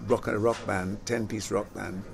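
Soft music plays behind an older actor and singer, born in Jamaica and brought up in London, as he reminisces in a relaxed interview. His creaky voice sits on the low side at normal speed, and he rambles, repeats words, and often laughs.

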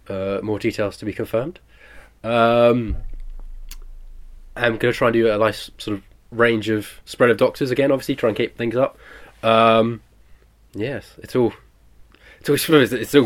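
A British man in his twenties, interviewed as a producer, chats casually in a modest, rambling way and keeps correcting himself. His voice is on the low side with a fairly bright tone.

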